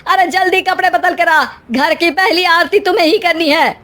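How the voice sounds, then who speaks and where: A woman's voice: very high voice, fairly even intonation, moderate pace, fairly bright tone, pitched above the performer's own voice. A woman voicing a scandalised, traditional middle-aged mother-in-law in a cartoon story, scolding and exclaiming.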